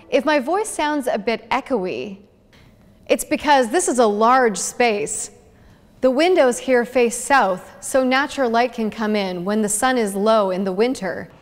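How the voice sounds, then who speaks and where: A woman's voice: on the high side, expressive, unhurried. A woman host presenting a scripted segment, her voice echoing in a large indoor lecture hall. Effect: echo of a big hall. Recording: long hall reverb, faint music.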